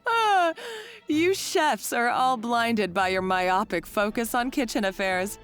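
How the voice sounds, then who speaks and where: An actress voices a gloating, scheming female villain in a video game, sounding theatrical, sardonic and menacing as she taunts. Her voice sits on the high side with a fairly bright tone, slow and animated. The dialogue plays over background music.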